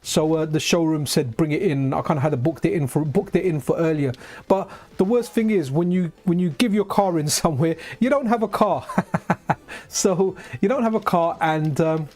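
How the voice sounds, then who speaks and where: Chatty high-voiced man streaming. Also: normal speed. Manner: chatty, excitable, frequent restarts and asides to chat. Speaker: retro gaming streamer. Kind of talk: live stream chat.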